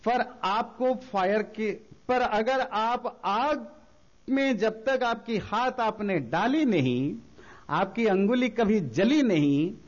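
A man giving a spiritual talk, explaining slowly with everyday examples and mixing English phrases into his speech. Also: high-pitched, muffled recording. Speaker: spiritual teacher.

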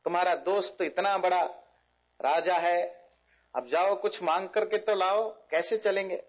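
A man's voice: high-pitched, measured pace. A man voicing a poor Brahmin's worried wife, pleading with her husband to go ask for help. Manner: pleading, nagging. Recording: dull lo-fi recording.

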